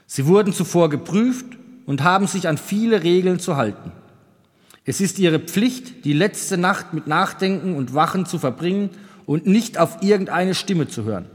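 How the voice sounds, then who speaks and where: A man reading the part of a stern, measured old king who questions a young squire. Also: high voice, lively intonation, voice pushed up. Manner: questioning, weighty, deliberate. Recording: long reverb.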